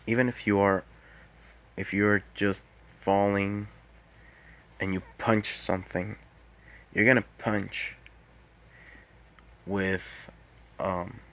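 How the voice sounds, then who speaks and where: A man talking casually on his own in a quiet, subdued late-night manner, explaining technique and halting often mid-phrase. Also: on the low side, flat delivery. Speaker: martial arts vlogger. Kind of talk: casual solo talk explaining fighting technique.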